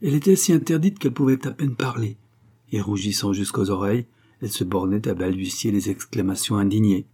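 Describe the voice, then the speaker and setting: A man narrating a classic novel as an audiobook, in a measured, expressive storytelling manner. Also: on the low side, husky. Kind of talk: literary narration.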